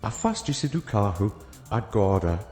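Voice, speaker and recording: A man's voice: fairly low pitch, very animated, unhurried, a little mellow. A man doing a harsh, curt police sergeant. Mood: shouting. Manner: curt, commanding and sarcastic. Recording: echoey, with faint background music.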